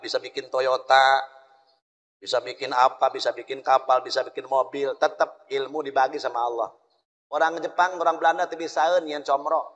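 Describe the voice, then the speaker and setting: A man's voice: medium pitch, fairly bright tone, highs cut off. A man preaching a comic sermon in a mosque, telling stories and acting out dialogue voices. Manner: storytelling with acted dialogue voices. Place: mosque hall. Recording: long hall reverb.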